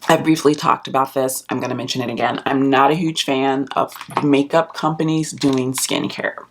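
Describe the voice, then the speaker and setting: Low-pitched woman rambling about makeup, lots of um and like, jumps way up when she gets emphatic. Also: fairly even intonation, normal speed, slight background noise. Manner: chatty, rambling, with many fillers and restarts. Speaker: beauty vlogger. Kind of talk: casual chat about makeup releases.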